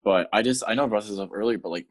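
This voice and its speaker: Young man, podcast co-host, low voice, giggly and animated. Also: very fast. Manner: laughing, animated retellings of scenes. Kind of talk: casual chat. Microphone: audio-only podcast mic.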